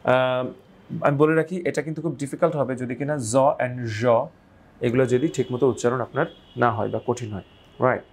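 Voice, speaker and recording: Speaking in a mid-range, fairly even voice that's slightly rough, a man from Bangladesh teaches English pronunciation through a slow explanation. He lengthens the words he demonstrates and regularly adds "right?".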